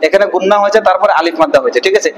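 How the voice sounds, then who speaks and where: Male Quran teacher, high-pitched, patient drilling style, slow chanted recitation, reverberant room. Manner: asks questions and answers them himself, spells syllables slowly. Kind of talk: online Quran reading lesson.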